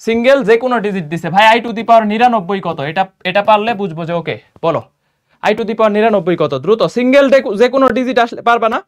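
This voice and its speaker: Young man, math teacher, clear resonant voice, high pitch, quizzing students, slightly tired, low energy. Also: lively intonation. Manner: quizzing students with quick rhetorical questions; mixes in English math terms. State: tired and a little low on energy after a run. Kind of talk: exam-prep math lesson.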